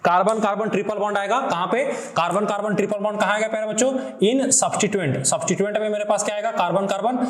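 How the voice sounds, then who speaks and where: A male chemistry teacher with a fairly high voice lectures his students. He keeps asking questions and answering them himself, calling the students fondly. The sound is roomy, with a noticeable echo. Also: fairly even intonation, fast talker, few pauses. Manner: repetitive call-and-response questioning; affectionate addressing of students. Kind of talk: classroom lecture.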